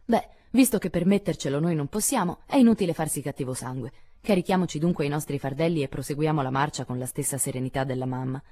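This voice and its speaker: A brash, teasing tomboy of a teenage girl, as a woman reader puts her on, her pitch nudged up from a low, mellow base. She sounds spirited and blunt, never delicate, in a storybook reading. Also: quick pace, few pauses, faint music behind. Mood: cheerful.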